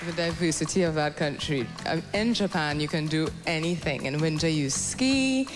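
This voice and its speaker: A young woman with a Trinidadian accent giving a poised, measured pageant answer in an on-stage interview. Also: low voice, expressive, in a large hall. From Trinidad and Tobago. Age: young adult. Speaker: pageant contestant. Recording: music behind the voice.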